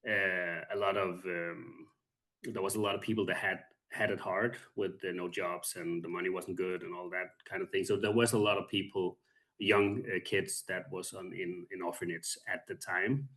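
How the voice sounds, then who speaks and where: In a relaxed interview, a Danish guest in his thirties talks in a calm, low, soft voice marked by his accent. His speech comes haltingly, broken up by many pauses.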